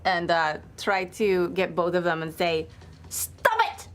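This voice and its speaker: A woman's voice: lowish voice, little pitch movement, measured pace. A woman player in a tabletop game, speaking hesitantly with fillers.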